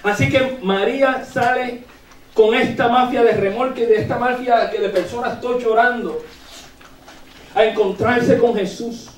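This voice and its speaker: A man preaching a sermon in church, animated, rising to shouts and checking in with the congregation. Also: extremely high pitch, measured pace, slight background noise. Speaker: pastor. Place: church sanctuary. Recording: echoey church, voice from far off the mic.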